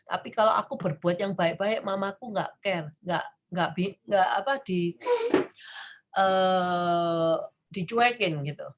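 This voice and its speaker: A woman's voice: on the low side, slow, a little hiss or hum. Middle-aged Indonesian woman explaining patiently. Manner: explains patiently, acts out short quotes of parent and child. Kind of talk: informal talk on parenting.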